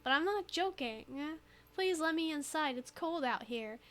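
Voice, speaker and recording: A woman streams a detective game as casual let's-play commentary, chatting playfully, giggling often, and reading the game text aloud. Her high voice is expressive, a bit bright, and a little slow.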